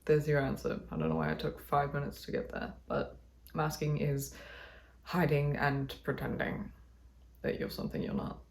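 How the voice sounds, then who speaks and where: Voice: medium pitch, big pitch swings, normal speed, gravelly. An interviewee talking in a chatty, digressive and wry way. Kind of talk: personal reflection.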